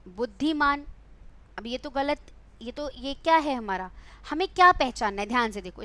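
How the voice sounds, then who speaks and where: Young woman teaching online, high bright voice, keeps quizzing students and calling them beta. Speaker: Hindi teacher. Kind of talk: online exam-prep class.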